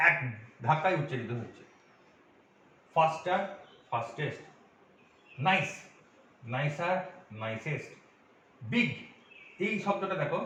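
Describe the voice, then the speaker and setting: A man's voice: a little high, fairly bright tone, slight background noise. A man teaching an English grammar lesson to students, patiently asking and answering his own questions. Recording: echoey, distant, dull room recording.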